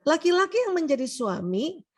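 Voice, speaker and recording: A woman doctor giving a humorous seminar lecture, lively and teasing, often acting out quoted voices. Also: very high voice, moderate pace.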